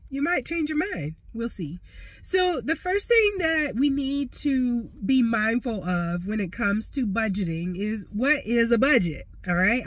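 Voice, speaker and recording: A woman's voice: a little high, a bit bright, no echo. A woman finance coach with a stuffy, nasal voice, giving chatty and encouraging advice straight to the camera. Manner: chatty and encouraging, with many fillers. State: congested, nasal voice. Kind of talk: casual direct-to-camera advice.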